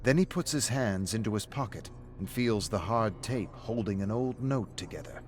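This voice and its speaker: A man with a low voice reads a story aloud in a steady, subdued way. Faint music sits underneath his narration. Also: moderate pace. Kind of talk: reading a story aloud on a live stream.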